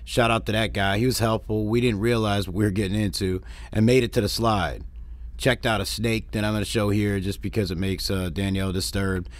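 A man's voice: on the low side, fairly even intonation, fairly quick, dry recording. A man from Detroit narrating a family road-trip vlog in a plainspoken, wry way, with dry complaints. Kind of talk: narrated travel recap.

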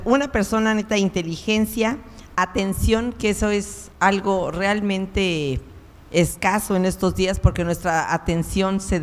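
A woman's voice: lowish voice, long reverb tail. A woman giving a conversational public lecture, full of fillers and "¿no?" tags.

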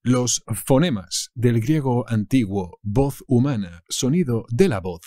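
Give me a playful male Spanish teacher from Spain with a Spanish accent, mellow voice, dry recording. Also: mid-range voice, dry recording. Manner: playful, with jokey asides and silly sounds. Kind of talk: language lesson for English speakers.

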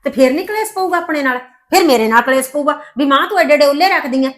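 A woman's voice: high-pitched, fast, lightly acted. An actress playing a quarrelsome, proud middle-aged village mother who scolds and complains indignantly in a family drama. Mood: insistent. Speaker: mother of a married daughter. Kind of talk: rural family drama acting.

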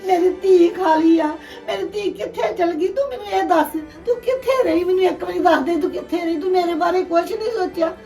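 A woman's voice: very high voice, fairly quick, hardly any pauses, warm tone, faint music behind. An actress playing a middle-aged mother who wails and pleads with her returned daughter. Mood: weeping, pleading. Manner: wailing, pleading questions. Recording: echoey room, distant mic.

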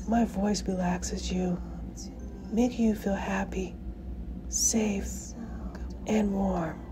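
A woman doing an ASMR role-play as a hypnotist, speaking in a soft, breathy soft voice with a soothing, commanding manner and long pauses. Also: mid-range voice. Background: music.

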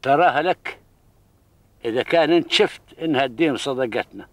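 An actor in his sixties playing a kindly old father in a television drama, with a Bedouin Arabic accent and a paternal, measured manner. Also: medium pitch, a bit bright, no echo, natural voice. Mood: gracious, courteous. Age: 60s.

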